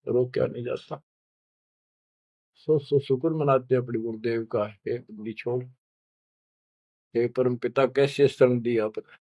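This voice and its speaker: A man preaching a devotional sermon, telling a village story and chanting verses in a drawn-out voice. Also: medium pitch, dry recording. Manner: slow, addresses listeners as children, chants verses drawn out. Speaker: spiritual preacher. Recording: dull lo-fi recording.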